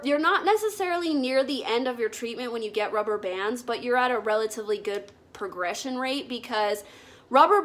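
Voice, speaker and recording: A woman with a fairly high, very bright and forceful voice talks casually to her viewers. She explains in an informal, conversational vlogging style, demonstrating as she goes.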